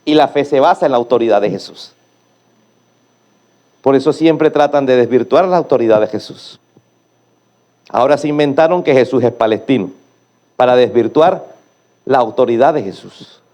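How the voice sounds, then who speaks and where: A male pastor preaching a sermon with emphatic rhetorical questions, swinging between hushed low phrases and loud rising calls. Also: moderate pace, pauses often.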